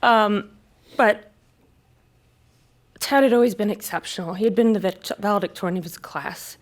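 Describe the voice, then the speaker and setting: A military spouse speaks in a mid-range voice at a public panel discussion held in a live event space. Offering her personal testimony, she hesitates frequently and stops to correct herself.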